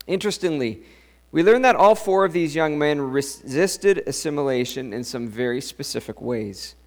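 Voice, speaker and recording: A middle-aged male pastor giving an earnest sermon, telling a personal story and repeating key lines for emphasis. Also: fairly high pitch.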